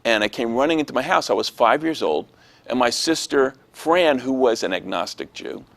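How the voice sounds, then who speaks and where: Animated man with a gravelly voice. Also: medium pitch, moderate pace. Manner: animated, acts out quoted voices. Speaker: interviewee. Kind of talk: personal testimony storytelling.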